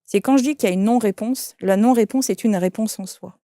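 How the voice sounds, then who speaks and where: A woman's voice: medium pitch, fairly quick, dark tone, no echo, studio quality. A woman, a shaman and medium, telling an anecdote in an interview and quoting the people in it. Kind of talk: interview storytelling.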